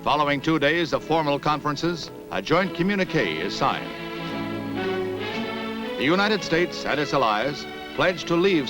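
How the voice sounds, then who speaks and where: A man's voice: on the high side, low-quality recording. Man narrating an old newsreel. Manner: formal, declamatory announcer delivery. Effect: old newsreel soundtrack. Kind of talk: scripted 1960s newsreel narration. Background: music.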